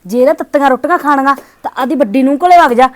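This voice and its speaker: A harsh, sharp-tongued daughter-in-law, played by a woman in a village short drama. She scolds in a very high voice and talks quickly, brushing everything off. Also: natural voice. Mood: scolding. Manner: scolding, dismissive, nagging.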